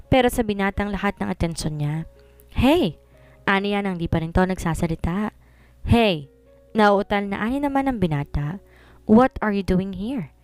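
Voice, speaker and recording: Smooth-voiced woman storyteller. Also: mid-range voice, no echo. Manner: steady, mixing two languages. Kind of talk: reading a serialized romance story.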